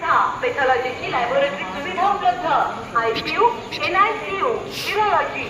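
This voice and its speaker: A woman making formal, measured announcements over a railway station loudspeaker, heard from a distance on a busy platform. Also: sits high, expressive, heavy background noise. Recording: echoey loudspeaker heard from far off in a crowd. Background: crowd chatter.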